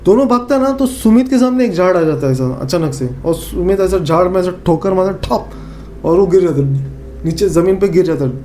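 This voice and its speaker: This high-pitched, brisk speaker has a Northeast Indian accent and narrates a horror story in a casual, lively way. He plays out his friends' dialogue with plenty of fillers and repeats, and a faint hiss or hum sits under the audio.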